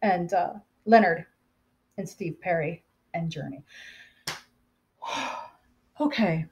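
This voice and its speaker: A woman's voice: fairly low pitch, takes it slowly, darkish tone, highs cut off, slight background noise. A woman, telling a personal story to camera in a rambling, candid way with fillers and repeats.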